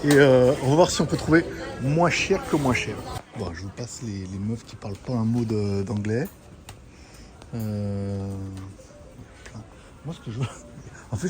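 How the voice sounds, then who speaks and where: A man with a medium-pitched, darkish, expressive voice talks at a normal speed while vlogging his walk through a busy electronics market indoors. It's a casual, rambling walk-and-talk full of laughter and swearing, with noisy market sounds in the recording.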